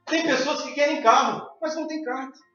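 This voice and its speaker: A man's voice: extremely high pitch, brisk, sharp tone. A man preaching a sermon as pastor, emphatic and repeatedly calling out to his congregation. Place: church hall. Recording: echoey hall, distant, dull sound, faint music.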